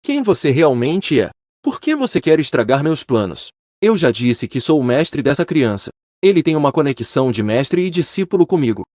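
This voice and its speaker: A man voicing a scheming, menacing old male monk who speaks in slow, deliberate threats. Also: fairly high pitch, sing-song, darkish tone, no room sound, clean studio sound. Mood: wary.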